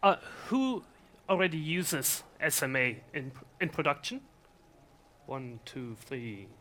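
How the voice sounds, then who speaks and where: In a conference room, a man from Scotland and Germany gives a casual conference talk, chatty and self-deprecating, putting questions to the audience. His voice is fairly high, very animated, bright and forceful at a slow pace, with a little hiss or hum.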